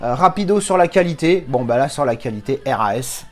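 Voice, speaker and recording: A man's voice: mid-range voice, lively intonation, fairly quick, darkish tone, faint music behind. A man with a French accent giving a casual, rambling film and Blu-ray review, full of fillers and restarts and chatty asides to the viewer.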